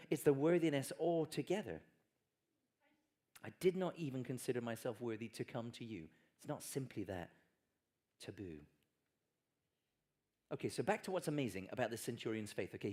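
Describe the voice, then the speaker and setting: A man preaching a sermon in church, animated and playful, acting out quoted lines. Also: medium pitch. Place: church hall.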